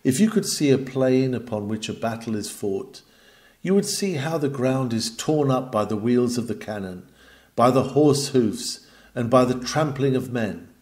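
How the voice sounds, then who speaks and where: A man's voice: mid-range voice, lively intonation, measured pace, a little mellow. A man reading an old sermon aloud, building to dramatic, emphatic peaks. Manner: dramatic, swelling with emphasis on climactic lines. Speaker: preacher.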